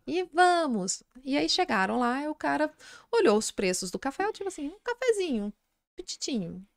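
A middle-aged woman, a psychologist guest on a podcast, telling an anecdote in a lively, casual way. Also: high voice, fairly quick, creaky, no echo, studio quality. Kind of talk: casual storytelling in a podcast interview.

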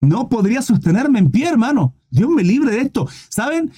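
High-voiced, lively male preacher. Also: moderate pace, husky. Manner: emphatic, keeps addressing listeners as "brother", rhetorical questions. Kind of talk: livestreamed Bible teaching.

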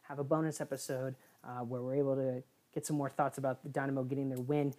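A woman with a remarkably low, deep voice co-hosts a casual sports podcast. She rambles through the news roundup, pausing often on fillers and correcting herself as she goes. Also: flat delivery, mellow. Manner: rambling with frequent filler pauses and self-corrections. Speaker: podcast co-host.

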